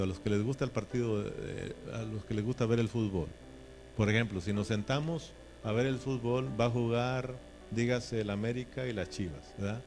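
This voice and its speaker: A man preaching a sermon in a folksy, joking way, often checking in with his listeners. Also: lowish voice. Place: church.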